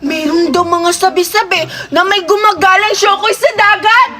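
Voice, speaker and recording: A woman's voice: extremely high pitch, steady tone, normal speed. A woman voicing a gushing cartoon little girl. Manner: gushing, whiny. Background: background music.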